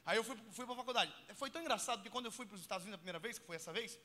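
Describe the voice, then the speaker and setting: Fast, bright-voiced preacher man in a hall. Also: high-pitched. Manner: animated, builds to shouting peaks, laughs at his own stories. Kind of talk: sermon with personal storytelling. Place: church hall. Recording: long church hall reverb.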